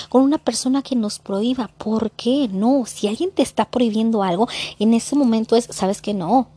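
A woman with a Mexican Spanish accent gives relationship advice in an unscripted, slangy monologue. She is expressive and chatty and wanders off topic easily. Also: on the high side, slightly rough. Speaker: vlogger giving relationship advice.

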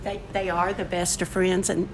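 A woman's voice: fairly low pitch, little pitch movement, moderate pace, vocal fry, background noise. An older grandmother, teasing bluntly in a casual family chat as a guest.

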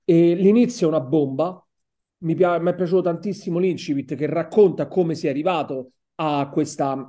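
Italian man, podcast co-host, high mellow voice, halting repeats, casual review chat. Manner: hesitant, repeats words while searching for them.

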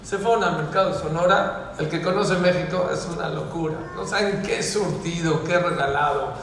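A man with a Mexican accent giving a sermon to young people, telling stories animatedly and rising to loud exhortation. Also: a little high, moderate pace, a little hiss or hum. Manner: animated storyteller who mimics the people in his stories; rises to loud, emphatic exhortation. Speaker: religious speaker addressing young people. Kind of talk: sermon with storytelling. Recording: echoey hall, voice from far off.

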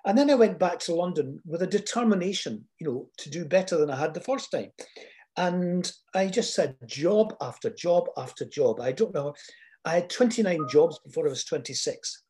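An older man shares reflective personal stories. His voice sits high for a man and has a soft, mellow tone. He speaks haltingly, pausing often as he goes. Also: animated. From Scotland.

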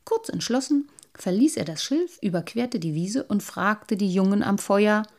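A woman narrating a children's storybook with an expressive, measured reading. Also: mid-range voice. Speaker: audiobook narrator.

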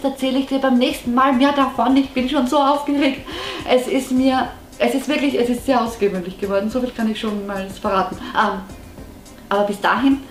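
Upbeat woman vlogging, chatty and earnest, kinda high voice, roomy echo with faint music under it. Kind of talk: chatty monologue to the viewer. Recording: echoey room with faint music behind.

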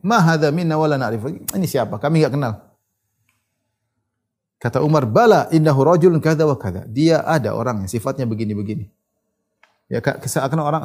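In a mellow, mid-range voice, a man teaches a religious lesson through stories: he reads narrations in Arabic, retells them informally, and performs the characters' dialogue as a religious teacher.

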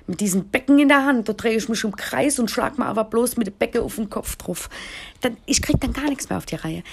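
A woman in her thirties rants bluntly and crudely as a podcast host. Her voice is gravelly with a husky edge. She talks in an exasperated comedic flow at a middle pitch. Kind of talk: comedic monologue rant.

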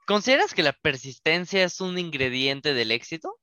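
A man's voice: on the high side, very animated, moderate pace, pushed and bright. A man hosting a podcast, asking questions and adding short encouraging remarks. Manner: brief encouraging interjections. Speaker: podcast host. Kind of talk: casual interview chat.

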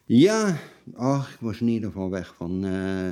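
Guy late 40s, real low mellow voice, blunt and halting, being interviewed about his life. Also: sing-song. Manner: halting, blunt, plain-spoken. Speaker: interview guest telling his life story. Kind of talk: personal interview.

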